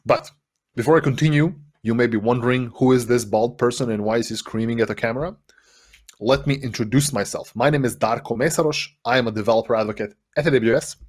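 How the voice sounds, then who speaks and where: Man, 30s, from Serbia, workshop presenter, energetic, filler-heavy, headset mic, home room. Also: medium pitch, fast talker. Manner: energetic, lots of fillers and restarts, rhetorical "right?". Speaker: developer advocate giving a workshop. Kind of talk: conference workshop talk.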